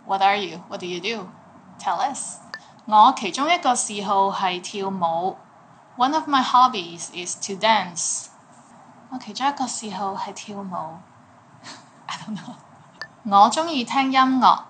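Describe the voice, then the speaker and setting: Woman teacher doing a language lesson, says each phrase slow and clear, repeats it patiently, faint noise behind. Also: medium pitch, expressive, fairly bright tone. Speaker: Cantonese teacher.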